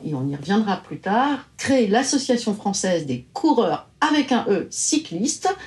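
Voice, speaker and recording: A woman's voice: mid-range voice, darkish tone. A woman podcast host reading a formal scripted introduction. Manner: formal, read aloud. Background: faint music.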